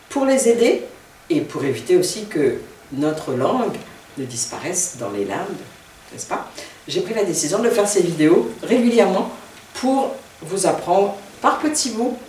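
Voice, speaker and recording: Slow, patient language teacher in an echoey room. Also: medium pitch, big pitch swings, a little mellow, far from the mic, a little hiss or hum. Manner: careful, repeats each word several times; writes on a board while explaining. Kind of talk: video language lesson.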